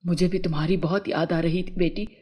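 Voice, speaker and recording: A woman voicing a brave, caring fairy mother in a cartoon story, speaking lower and firm. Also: fairly even intonation, brisk, mellow, breathy edge. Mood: determined, tender.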